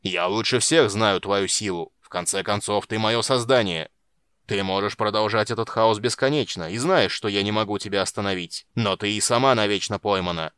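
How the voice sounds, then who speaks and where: A man voicing a stern bearded male gnome wizard who booms out commands in an audiobook. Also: normal speed, clean tone, no room sound, studio quality, lightly acted. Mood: commanding. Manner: loud, booming commands.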